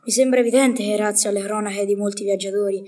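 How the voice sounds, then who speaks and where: A woman's voice: medium pitch, fairly even intonation, quick pace, warm tone, lightly acted. A woman playing a learned, proud medieval male poet in a scripted radio interview, speaking in a formal, didactic way. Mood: condescending. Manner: formal, didactic, bookish phrasing.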